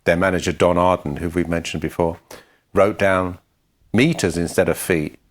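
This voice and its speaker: A man's voice: sits low, steady tone, normal speed. A man co-hosting a podcast, telling band anecdotes in a dry, matter-of-fact way. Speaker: podcast co-host and musician. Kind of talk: casual storytelling chat.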